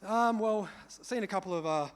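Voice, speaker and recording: Out-of-breath man, high voice. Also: a little fast, smooth. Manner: short, relaxed answers. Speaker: winning grappler. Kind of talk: post-fight interview.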